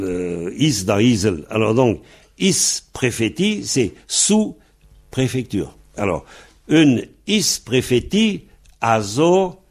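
A man leads a grammar lesson at an unhurried, deliberate pace, his voice gravelly and husky. He talks in halting steps full of fillers and stops to spell words out letter by letter. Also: medium pitch, darkish tone. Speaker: Breton language teacher. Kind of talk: slow explanatory grammar lesson.

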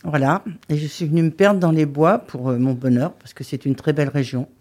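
A woman's voice: low-pitched, a little fast, a little mellow. A woman in her seventies from the Breton coast, a crêperie owner answering interview questions in short, plain replies. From Brittany coast, France. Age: 70s. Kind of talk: radio interview.

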